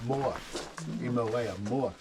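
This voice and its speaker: A man's voice: mid-range voice, normal speed. A man guiding a tour, chatting and explaining informally with jokey asides. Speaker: cave tour guide. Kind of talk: informal guided tour commentary. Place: on a walking tour, recorded live. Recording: clearly noisy live tour recording.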